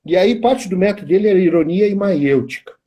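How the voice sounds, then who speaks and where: Middle-aged Brazilian teacher, husky and mellow, rambling storyteller on a live stream. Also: male voice, high voice, quick pace. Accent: Brazilian Portuguese. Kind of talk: casual chat on a live stream.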